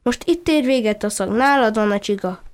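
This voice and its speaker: A woman's voice: a little high, animated, close to an everyday voice. A woman voicing a curious, proud male puppy who explains things patiently and earnestly. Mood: confident.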